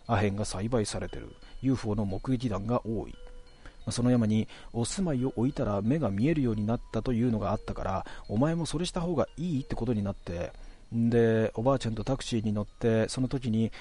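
A man casually telling a ghost story in a relaxed, conversational way, stretching out some phrases. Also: mid-range voice, slightly rough.

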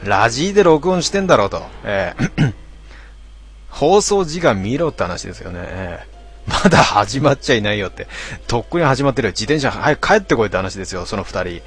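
Low-voiced man grumbling through a stream. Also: big pitch swings, moderate pace. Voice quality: frequent throat clearing. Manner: grumbling, talks to himself, mock-annoyed asides. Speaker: livestream host reading listener comments. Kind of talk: casual late-night stream chat.

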